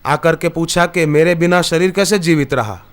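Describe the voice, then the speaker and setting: Man, spiritual preacher, fairly high voice, storytelling discourse, emphatic rising delivery. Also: moderate pace. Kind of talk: Hindi satsang discourse. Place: discourse hall before an audience.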